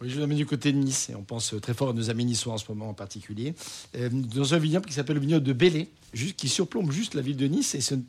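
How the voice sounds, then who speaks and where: Male wine columnist on radio, fast and husky, explanatory. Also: mid-range voice, a little mellow. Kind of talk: radio segment.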